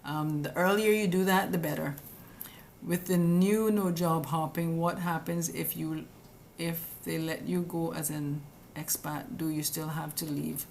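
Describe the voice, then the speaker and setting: Low-voiced woman scolding viewers on a live stream. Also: steady tone, a little slow, gravelly, a little mellow, slight background noise. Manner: direct, scolding, chatty, addresses viewers as guys. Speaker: immigration law commentator hosting a live stream. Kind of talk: casual live-stream explainer answering comments. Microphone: webcam or phone on a live stream.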